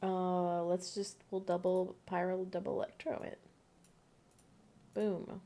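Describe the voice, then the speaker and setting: A woman's voice: fairly low pitch, little pitch movement, slow pace, mellow. A woman streaming a game live, chatting bubbly and giggly with her co-op partner. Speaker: livestreamer. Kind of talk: casual gameplay chat.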